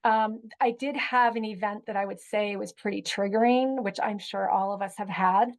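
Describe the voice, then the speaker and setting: A woman educator telling a personal story in a relaxed interview, with frequent ums and you-knows. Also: medium pitch, moderate pace, low-quality recording. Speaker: guest educator. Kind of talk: conversational storytelling.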